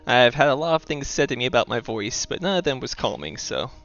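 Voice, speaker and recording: With a medium-pitched voice marked by vocal fry, a young East Coast man streams a board game, talking a little fast as he relaxedly comments on moves and reads chat aloud to viewers. The audio sounds dull, with faint music underneath.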